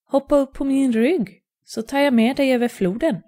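A woman voicing a sly, cunning fox in a storybook, speaking in a smooth, coaxing way. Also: high voice, warm tone, pitched above the performer's own voice, natural voice.

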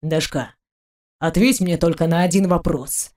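A woman's voice: lowish voice, close to an everyday voice. A woman voicing a furious, jealous husband. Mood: bitter. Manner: menacing, sneering, slow and heavy. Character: jealous, furious grown man, a betrayed husband.

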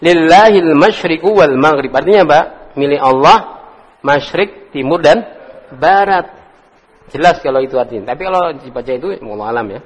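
Teacher in an echoey hall. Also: male voice, fairly high pitch, lively intonation, breathy edge. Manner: drills pronunciation slowly, corrects and teases students. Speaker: Arabic teacher. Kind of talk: classroom lesson, quizzing students. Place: lecture hall with students.

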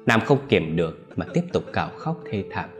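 A man's voice: deep voice, sing-song, normal speed. A man narrating a story in a solemn, scripted storytelling manner. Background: faint music.

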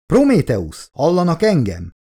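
A man's voice: a little high, huge pitch swings, husky, voice pushed up, exaggerated voice. A man voicing a commanding male ship captain who barks orders in an audiobook. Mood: shouting. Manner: shouting orders.

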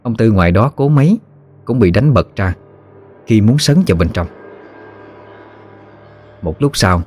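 A man with a Southern Vietnamese accent narrating a scripted horror story in a steady, measured way. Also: on the low side, soft background music.

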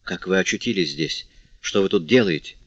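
A man's voice: sits low, moderate pace, no room sound. A man reading the part of an anxious young man, asking urgent, worried questions, in a dry, slightly dull audiobook recording. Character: anxious young man tending a wounded girl.

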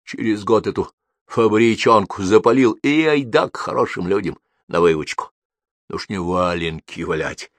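A man reading the part of a boastful, scornful branded convict, loud and drawling in a dry recording. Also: on the low side, normal speed, no room sound, lightly acted. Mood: bitter.

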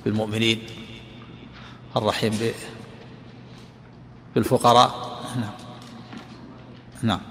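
A man's voice: medium pitch, creaky, fairly bright tone. An older man, a sheikh giving lesson commentary who interrupts the reader with questions and corrections. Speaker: sheikh explaining a text. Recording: reverberant hall with faint noise.

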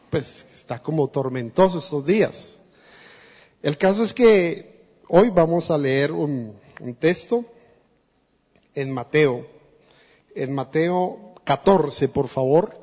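A Colombian man preaches a sermon in an earnest, conversational way, talking straight to the congregation. His voice sits fairly high and mellow, and he speaks slowly. The dull, lo-fi recording carries a long church echo. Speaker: guest preacher.

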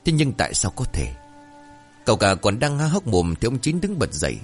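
A man narrating a horror story in a suspenseful, expressive storytelling style. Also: medium pitch, brisk, faint music behind.

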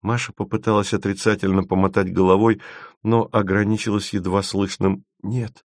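A man reading an audiobook in an even, measured narrating voice. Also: fairly low pitch, dry recording, studio quality. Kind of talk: scripted narration.

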